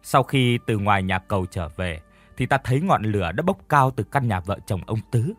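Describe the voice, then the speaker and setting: Weary old village woman, as a man reads her, sighing, slow, a touch low, dry close sound. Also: big pitch swings, no room sound, soft background music. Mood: grave.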